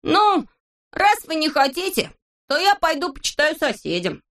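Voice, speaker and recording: Neznaika, a woman voicing a high boastful little fellow. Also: big pitch swings, unhurried, a bit bright, exaggerated voice. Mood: carefree. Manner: high childish voice, cheerful and unbothered. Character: boastful carefree little male shorty.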